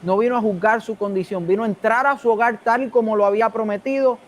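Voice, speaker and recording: A man with a Puerto Rican accent talks about faith with earnest, preacher-like emphasis. His voice sits notably high for a man. Faint ambient noise is heard behind him. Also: fairly even intonation, fast talker. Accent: Puerto Rican Spanish. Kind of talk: casual spiritual conversation.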